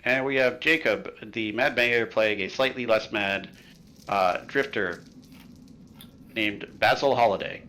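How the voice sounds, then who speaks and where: A man with a bright, clear voice hosts a tabletop game on a livestream. He recaps the last session in a loose, joking way, stumbling over filler sounds. A faint hiss sits under his voice. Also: lowish voice, unhurried, rough recording. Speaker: game master.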